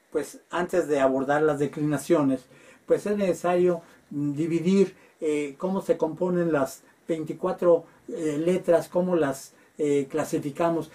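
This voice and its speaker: Man, language teacher, mellow fairly high voice, patient hesitant delivery. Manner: patient, spells out forms with frequent "eh" pauses. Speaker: Greek teacher. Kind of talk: lecture.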